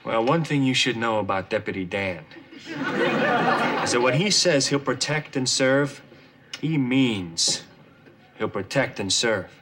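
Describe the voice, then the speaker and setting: An actor playing an earnest, reassuring deputy. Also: male voice, medium pitch, lively intonation, measured pace, pauses often, fairly bright tone. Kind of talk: sitcom acting.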